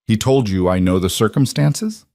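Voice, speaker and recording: A man voicing a tiny, sharp elderly Italian mother who speaks in clipped, blunt, disapproving lines, with an Italian accent. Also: on the low side, expressive, moderate pace, no room sound, clean studio sound. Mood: stern.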